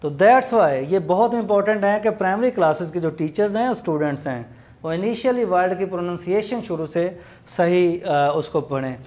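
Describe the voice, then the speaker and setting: A man giving a recorded lecture on teaching English words, explaining slowly and spelling words out letter by letter. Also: sits high, expressive, darkish tone. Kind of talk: classroom lecture. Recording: dull lo-fi recording.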